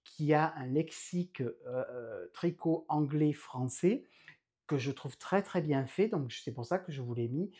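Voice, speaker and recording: Male podcast host with a mellow voice, talking casually and loosely indoors at home. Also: a little high, measured pace, husky. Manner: chatty and rambling, with frequent hesitations. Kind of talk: casual chat.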